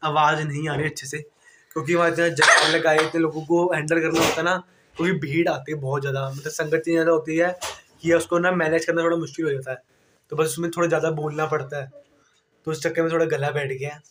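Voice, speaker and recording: A young man with a hoarse voice, chatting casually and tiredly to the camera in a daily vlog. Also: a little high, flat delivery, fast talker, fairly bright tone, a little hiss or hum. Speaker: vlogger. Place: outdoors then at home.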